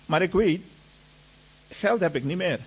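A man's voice: high-pitched, lively intonation, measured pace, husky, poor audio. A man giving an earnest personal testimony to an audience, retelling events with lots of reported dialogue.

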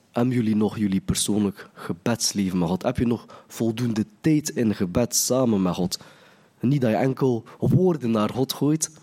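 A man delivers a sermon, earnest and searching, circling back to restart his phrases as he thinks aloud. His voice is mellow and warm, sitting at an ordinary pitch for a man. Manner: earnest, restarts phrases, acts out quoted prayers. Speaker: preacher.

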